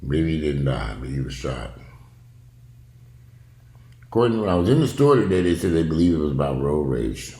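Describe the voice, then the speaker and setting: A man's voice: a bass voice, sing-song, moderate pace, pauses often, dark tone, roomy sound. A man giving casual, opinionated video commentary at home, talking in a blunt, profane, rambling way. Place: indoors at home.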